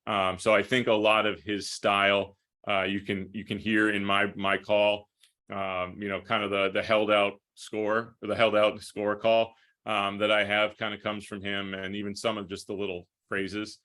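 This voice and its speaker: An American hockey play-by-play broadcaster from upstate New York speaks in a lowish, monotone voice at a moderate pace, his tone pushed and bright. He talks conversationally and at length, giving thoughtful, detailed interview answers.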